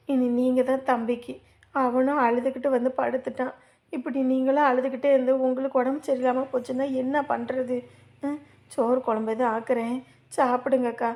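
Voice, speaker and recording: A woman's voice: high voice, a little mellow. An actress playing a younger woman who soothes and pleads with a grieving relative. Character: gentle younger woman consoling her sister-in-law. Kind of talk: family drama acting.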